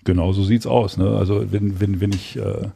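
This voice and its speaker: A man with a very deep, sepulchral voice in a casual interview, hesitating and repeating words as he thinks. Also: steady tone, normal speed, vocal fry, dark tone, slight background noise. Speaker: tattoo artist, podcast guest.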